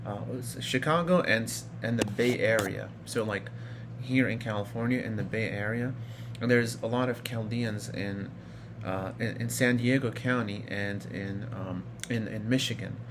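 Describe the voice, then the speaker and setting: Here an Iraqi man in his thirties vlogs about his life, wandering casually through the story with many fillers and false starts. His voice sits on the low side, moving at a moderate pace with few pauses, and the background is noisy.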